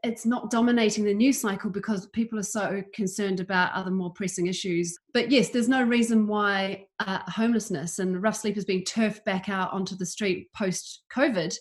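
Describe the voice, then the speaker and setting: A woman's voice: mid-range voice, steady tone, moderate pace, few pauses. A woman from New Zealand, a campaigner against homelessness, answering interview questions in an earnest, emphatic way.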